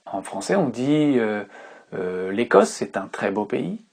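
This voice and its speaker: A woman's voice: very deep voice, very animated, a little slow, vocal fry, darkish tone. A woman teaching English grammar in a tutorial who patiently repeats each example word several times.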